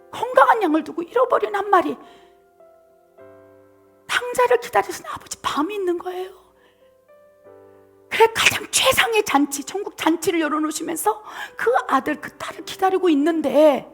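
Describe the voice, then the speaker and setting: A woman pastor delivers a fervent sermon in a very high, bright-toned voice, rising to near shouts and sinking to hushed whispers. She is middle-aged and preaches with emotional urgency. Soft music plays faintly underneath. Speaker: missionary pastor. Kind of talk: passionate sermon.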